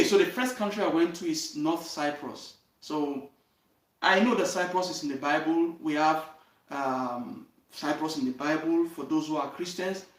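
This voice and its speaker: Earnest Nigerian man in an echoey room. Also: fairly high pitch. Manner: earnest, repeats "you understand?" and "okay?". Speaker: channel host. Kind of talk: direct-to-camera life story talk. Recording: roomy echo, voice from a distance.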